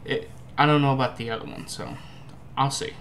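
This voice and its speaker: A man's voice: mid-range voice, steady tone, fairly bright tone. Hesitant young man, noisy home recording. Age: young adult. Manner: hesitant, halting, musing. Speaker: amateur food reviewer. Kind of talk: casual chat to camera. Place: indoor room at home.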